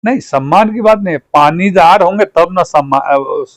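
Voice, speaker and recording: Bhojpuri accent guy, kinda high voice, fiery rhetorical politician, dead dry sound. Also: normal speed, gravelly, no room sound, rough recording. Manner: fiery and rhetorical, repeating phrases for emphasis. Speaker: party leader. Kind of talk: combative political interview.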